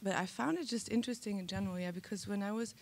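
On a theater stage during a festival panel, an actress talks candidly and playfully into a handheld mic. Her mid-range voice comes out rapid-fire, and she often restarts her sentences.

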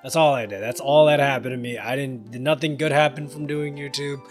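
A tired young man hosts a casual late-night let's-play for his gaming channel, laughing, swearing and talking back at the game. His mid-range voice keeps a fairly even intonation at a fairly quick clip, and loud game music plays behind him.

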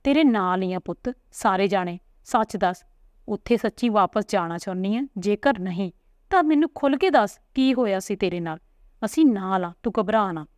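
A woman reads out a middle-aged village father, hurt and protective, who turns pleading and gentle. The voice sits at a middle pitch and is recorded close and dry, like a storybook reading. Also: lively intonation, normal speed, no room sound, close to an everyday voice. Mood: tender. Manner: pleading then consoling.

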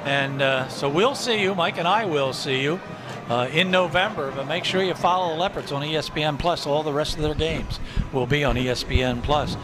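A man's voice: on the high side, normal speed. A man calling a college football postgame show from the broadcast booth, upbeat and promotional. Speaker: play-by-play announcer. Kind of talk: sports broadcast commentary. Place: press box booth. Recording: broadcast with music bed behind.

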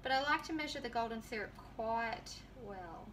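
A woman's voice: a little high, lively intonation, moderate pace, fairly bright tone, recorded from a distance, a little hiss or hum. A woman in her thirties chatting casually to viewers as she cooks in her home kitchen. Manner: chatty, easygoing, talks to viewers while cooking. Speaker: home cooking vlogger. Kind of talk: casual cooking demonstration.

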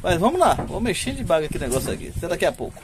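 A man's voice: high-pitched, sing-song, rapid-fire, very noisy. A man chatting casually to viewers while filming a fishing trip from an open boat on a phone. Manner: upbeat, chatty, addresses viewers as "gente". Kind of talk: casual narration to camera. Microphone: handheld phone camera.

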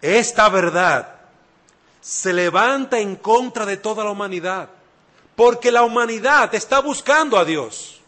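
A man's voice: high-pitched, lively intonation, measured pace, pushed and bright. A man preaching a sermon, emphatic and repeating key phrases, speaking straight to the listener. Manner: addresses listener directly.

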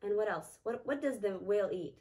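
A woman hosting a children's storytime, reading aloud and quizzing kids in a warm, teacherly tone. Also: mid-range voice, animated, brisk. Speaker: storytime host.

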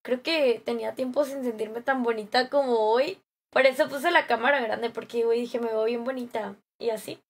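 A young Mexican woman streaming live, chatting with viewers in a bubbly, slangy way, her voice a little hoarse from a sore throat. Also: fairly high pitch, fairly even intonation, normal speed. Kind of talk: live stream chat, greeting viewers and reading comments.

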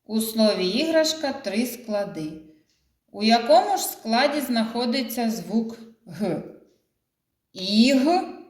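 A woman's voice: a little high, very animated, unhurried, echoey room. A woman teacher giving a phonics lesson to young children, sounding out each syllable and sound with care.

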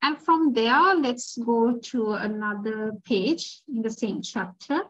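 A woman giving a literature lecture, reading passages aloud and checking in with her listeners in a measured way. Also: on the high side, a bit bright, muffled recording.

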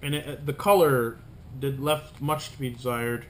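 A man in his thirties reviewing sour candy as he eats it, talking casually with hesitant pauses in a small room at home. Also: medium pitch, fairly even intonation, fairly bright tone. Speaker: candy reviewer, video host. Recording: room noise, home camera recording.

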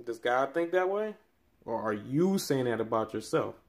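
This is earnest scripture commentary from a man in his thirties with an ordinary mid-range pitch, delivered expressively at a moderate pace. Like a preacher, he rises in pitch and force on key phrases, filmed on a close-held phone camera in a small room near window blinds.

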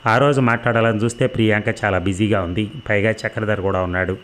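A man narrating a serialized novel aloud in a steady storytelling delivery. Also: on the low side, fast.

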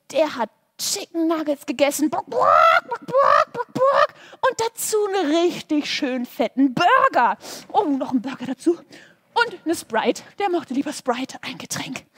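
A woman's voice: high-pitched, no echo, studio quality. A woman presenting a children's church show, telling a story playfully with lots of sound effects. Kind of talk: animated children's story with movements.

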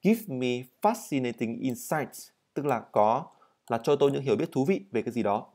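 A man teaching an English vocabulary and pronunciation lesson. He says English words slowly and clearly, then explains them quickly. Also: mid-range voice, animated, a little mellow.

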